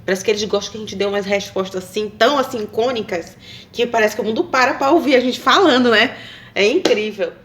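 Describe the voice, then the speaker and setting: A woman's voice: a little high, fast, fairly bright tone. A woman talking casually to camera, rambling and hesitant, with many fillers and tag questions. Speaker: vlogger.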